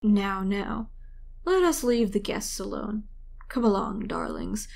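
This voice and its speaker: A woman's voice: medium pitch, very animated, slow, gravelly, a little mellow, slight background noise, exaggerated voice. Brief: sly sing-song male fairy host, coaxing and playful, read by a woman narrator.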